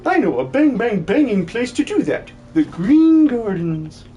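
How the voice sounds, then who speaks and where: For a video game dub, a performer plays a jolly, fussy old hermit who stutters by saying words three times over, excitable and cheerful. The mid-range voice is sing-song and unhurried with a dark tone, pushed up in pitch. The recording is muffled, with faint music behind.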